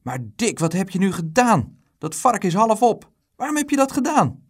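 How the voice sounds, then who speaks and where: A man's voice: on the high side, sing-song, brisk, voice pushed up. A man doing an exasperated scolding mother. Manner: exasperated, reproachful. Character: scolding mother of a greedy boy.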